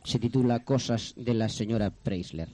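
A man's voice: mid-range voice, normal speed, a little mellow, no room sound. A man announcing a recorded comedy piece on the radio in a formal way. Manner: formal presenting. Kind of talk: radio introduction.

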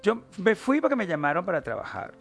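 A man's voice: high voice, huge pitch swings, a little fast, creaky, faint music behind. A middle-aged man, a novelist, talking expressively and at length as a guest in a studio interview, with theatrical asides. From Venezuela. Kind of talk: casual interview chat.

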